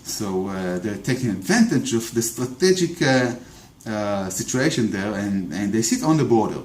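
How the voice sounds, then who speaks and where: In this unscripted political monologue, recorded in an echoey room, a man with an Israeli accent keeps stumbling over fillers and repeated words. His voice sits on the low side, very animated, at a moderate pace. He's a video commentator.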